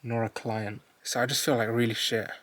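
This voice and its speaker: A young man recording a candid video diary, rambling and hesitant, swearing casually, sounding low and dejected. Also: little pitch movement, a little fast, a bit bright. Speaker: vlogger.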